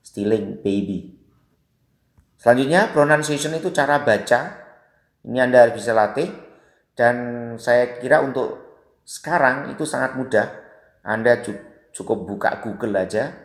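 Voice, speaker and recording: Indonesian man teaching English, echoey room. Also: medium pitch. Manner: patient, repeats example phrases slowly. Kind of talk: explanatory lesson.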